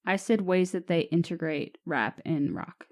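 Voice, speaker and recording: Low-pitched young woman, playful banter. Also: lively intonation, measured pace. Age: 20s. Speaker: podcast co-host. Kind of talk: casual podcast chat.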